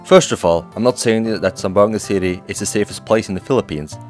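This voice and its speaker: A man's voice: fairly low pitch, fast, faint music behind. A man narrating his travel vlog with frank advice, speaking while he has a slight cold. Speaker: travel vlogger.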